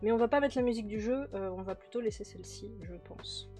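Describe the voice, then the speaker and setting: The host, a woman with a high-leaning, dark-toned voice, talks fast through her let's-play of a management game. Fillers and repeated words pepper her chatty commentary, and soft music runs underneath.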